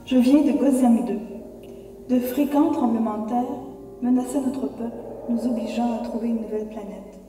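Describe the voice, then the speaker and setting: An actress playing an earnest, questioning alien explorer lost in a strange world, in an audio drama. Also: female voice, on the high side, fairly even intonation, moderate pace, mellow, close to an everyday voice. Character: confused alien woman explorer, earnest and curious. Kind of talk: French audio drama acting. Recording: distant, cavernous reverb, music underneath.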